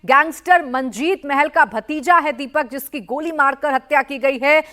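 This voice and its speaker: A woman's voice: sits high, moderate pace, pushed and bright. A woman anchoring a television news bulletin, reading a crime report with urgent, dramatic delivery.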